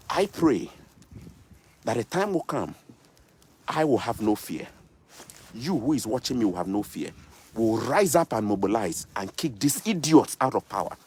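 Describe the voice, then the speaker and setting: A Ghanaian man in his thirties delivers a heated, preachy rant straight to camera, hammering his points with rhetorical questions. His pitch swings widely as he builds up. He is recorded outdoors, with a faint hiss of noise behind him. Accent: Ghanaian English. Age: 30s. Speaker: vlogger. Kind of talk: impassioned political rant to camera. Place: outdoors in snow.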